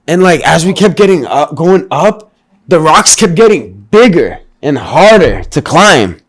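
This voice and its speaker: A man's voice: on the high side, big pitch swings, a little slow. A man in a casual chat, recounting a hike in slangy, filler-heavy speech. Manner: slangy, filler-heavy, says "bro" and "you know". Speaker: hiker recounting a climb.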